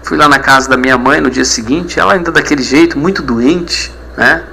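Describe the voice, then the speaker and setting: A man's voice: medium pitch, fairly quick, gravelly, bright, forceful tone, a little hiss or hum, rough recording. A man in his thirties, a pastor, giving an emotional personal testimony and often repeating himself.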